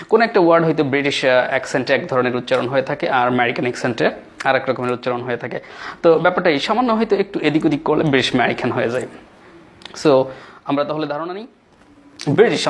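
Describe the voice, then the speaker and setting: A man with a Bengali accent teaching an English lesson in a classroom, explaining step by step and repeating example words slowly. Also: medium pitch. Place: classroom with whiteboard.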